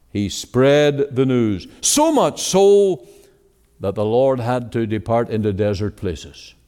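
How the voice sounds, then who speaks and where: A man preaches an evening gospel sermon at an unhurried, deliberate pace. His pitch swings widely as he climbs to emphatic exclamations and sinks low again. The long reverb of a large church hall trails after every phrase. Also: a little mellow. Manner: emphatic, rising to exclamations then dropping low.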